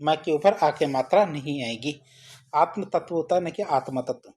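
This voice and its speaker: A woman's voice: deep voice, normal speed, darkish tone, husky. A woman teaching an exam-prep Hindi spelling lesson, asking questions and answering them herself over and over. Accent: Rajasthani. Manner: repetitive question-and-answer drilling.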